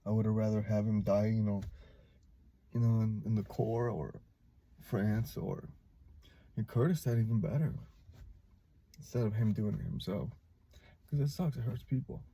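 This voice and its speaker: A man recounting a painful personal memory in a somber, halting way, with many pauses and fillers. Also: on the low side, warm tone, a little hiss or hum. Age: adult, a father. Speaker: vlogger. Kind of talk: personal recollection to camera.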